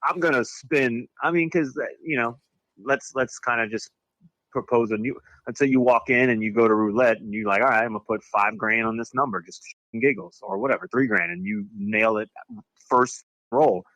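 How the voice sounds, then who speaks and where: A man's voice: mid-range voice, moderate pace, a bit bright, no echo, low-quality recording. A man chatting on a podcast who rambles and trips over his sentences. The sound is dry and close. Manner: rambling, stammering restarts. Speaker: podcast co-host. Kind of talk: casual chat.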